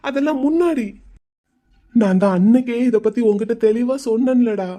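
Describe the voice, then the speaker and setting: A woman's voice: fairly high pitch, moderate pace, dark tone, natural voice. A woman voicing an anxious young husband in a cartoon drama, pleading with his wife not to leave. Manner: pleading, coaxing.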